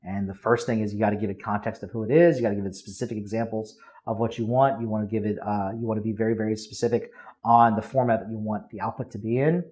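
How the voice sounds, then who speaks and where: A man speaking as a guest on a podcast, a copywriter explaining his methods in casual, high-energy interview talk. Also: steady tone, fast talker, darkish tone.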